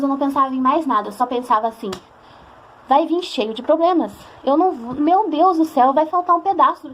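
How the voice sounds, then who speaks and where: Brief: young Brazilian woman, emotional confessional vlog, quick delivery, faint hum behind. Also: high voice. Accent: Brazilian Portuguese. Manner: chatty, emotional, acts out quoted voices. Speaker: vlogger. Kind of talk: personal storytelling to camera.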